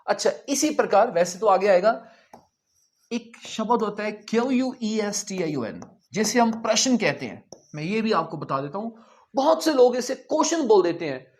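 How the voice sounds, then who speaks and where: A man teaching pronunciation in a classroom lesson, drilling words slowly through repetition. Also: high-pitched, big pitch swings, darkish tone.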